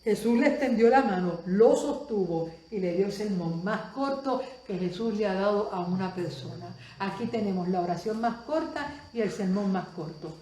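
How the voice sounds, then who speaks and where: A woman preacher delivering a Spanish-language sermon, moving between soft asides and loud exclamations and asking the audience many questions. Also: medium pitch, animated, moderate pace, hardly any pauses, echoey room, a little hiss or hum.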